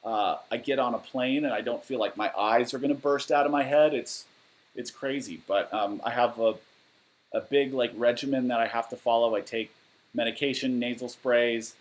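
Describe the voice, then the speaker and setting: A man's voice: medium pitch, steady tone, normal speed, poor audio. A man in his thirties, originally from Southern California, chats casually on a home livestream. He reads viewer questions aloud and answers them in a candid, matter-of-fact way, with plenty of fillers and restarts. He is picked up by a laptop mic in his living room. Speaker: musician livestreaming Q&A. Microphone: webcam or laptop mic at desk.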